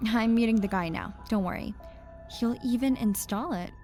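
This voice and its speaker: A woman's voice: on the high side, normal speed, warm tone, soft background music, natural voice. A woman playing a confident, teasing young woman in an audio horror story. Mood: firm. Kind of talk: audio drama acting.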